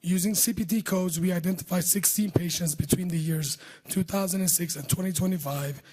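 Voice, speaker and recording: A man with a hoarse voice that is giving out, speaking close to the microphone as he presents surgical research in a scripted talk. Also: sits high, fairly even intonation, brisk, mellow. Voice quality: husky voice giving out. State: hoarse, losing his voice. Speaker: surgeon presenting research at a medical conference. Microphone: speaking close to a podium microphone.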